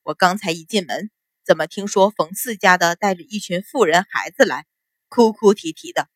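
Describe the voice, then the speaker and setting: A woman voicing a stern middle-aged nobleman and father who questions his family gruffly. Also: medium pitch, expressive, normal speed, no echo, studio quality, lightly acted.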